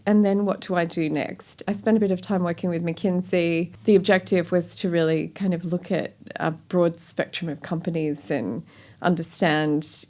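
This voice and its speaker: In a reflective interview, a company founder, a middle-aged woman with an Australian accent, talks chattily and candidly with frequent fillers like "like" and "you know." Her voice is on the low side and a little mellow.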